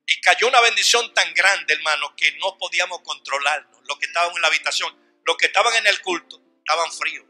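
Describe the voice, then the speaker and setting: A man preaching a sermon in a shouting, fervent style with repeated refrains. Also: fairly high pitch, brisk, faint music behind, rough recording.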